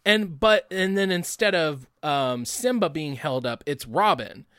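Animated man in lively casual chat. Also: fairly high pitch, a little slow, clear, resonant tone, dry recording, studio quality. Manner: animated, swears, bursts into loud laughter. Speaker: podcast co-host.

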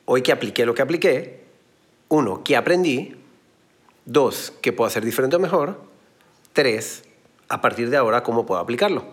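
Husky man giving a lively motivational talk. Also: medium pitch, moderate pace, long pauses. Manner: explains with everyday analogies and blunt slang. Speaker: motivational speaker.

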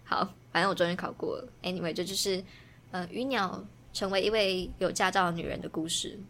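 A woman's voice: on the low side, fairly bright tone. A young woman, co-hosting a casual chat and telling a story in a chatty, self-mocking way. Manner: fast, chatty, self-mocking, laughs often. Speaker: podcast co-host.

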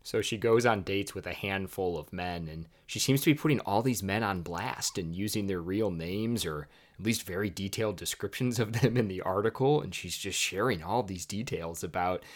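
A man's voice: deep voice, moderate pace, hardly any pauses. A man hosting a podcast, casually telling a history story with chatty, wry asides. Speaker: podcast host.

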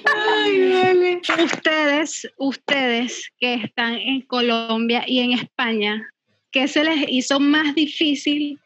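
A woman with a Venezuelan accent, co-hosting a podcast and chatting in quick bursts over a video call. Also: sits high, a bit bright, highs cut off. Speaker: podcast co-host. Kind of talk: casual chat over a call.

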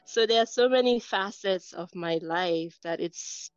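A woman from Cameroon, a guest engineer and coach, answering interview questions earnestly and in measured lists. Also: mid-range voice, clear, resonant tone, dry recording, highs cut off. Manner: earnest, composed, speaks in lists.

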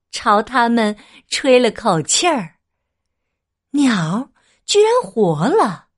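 Slow expressive woman storyteller. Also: medium pitch. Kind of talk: children's story narration.

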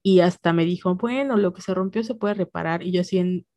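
A woman's voice: on the low side, fairly quick, mellow, no room sound. A young woman with a Mexican accent, telling a personal story in casual podcast chat, full of slang and quoted dialogue. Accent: Mexican Spanish.

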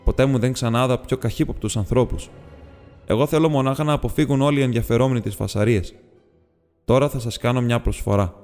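A man's voice: mid-range voice, darkish tone, close to an everyday voice. A man reading the part of a polite, businesslike male hobbit burglar in an audiobook, speaking in a courteous, precise and slightly formal way. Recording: long reverb with faint music.

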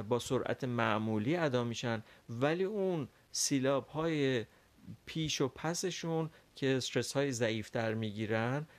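A man whose first language is Persian, teaching a language lesson and explaining patiently with frequent pauses and fillers. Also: medium pitch. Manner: explains carefully with many pauses and fillers, models English words slowly. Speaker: English teacher.

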